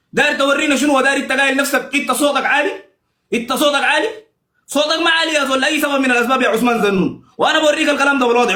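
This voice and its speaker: A man's voice: extremely high pitch, pushed and bright, reverberant. A man with a Sudanese Arabic accent in a heated, insulting livestream rant, repeating himself over and over.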